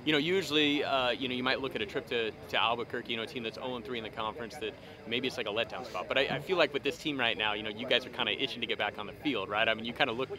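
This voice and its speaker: A male sports reporter puts casual questions in an outdoor interview. He talks extremely fast, with people clearly chattering in the background. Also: medium pitch, a crowd in the background.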